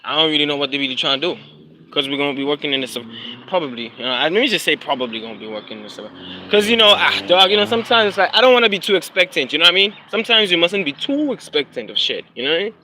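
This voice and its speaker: South African man, casual rambling phone stream outdoors, bright raised voice, light street noise. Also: fairly high pitch, expressive, rapid-fire, rough recording. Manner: rambling, slangy, apologetic about glitches. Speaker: rapper and vlogger. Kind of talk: casual live-stream chat.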